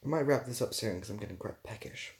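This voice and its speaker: Here the young British livestreamer is fast and expressive, his mid-range voice gravelly yet a little mellow. He rambles slightly and stays dryly playful while replying to comments from viewers.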